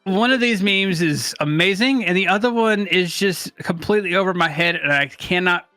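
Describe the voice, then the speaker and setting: Man, co-host, casual joking chat, sharp bright tone, dry mic. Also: high-pitched, normal speed, no room sound, soft background music.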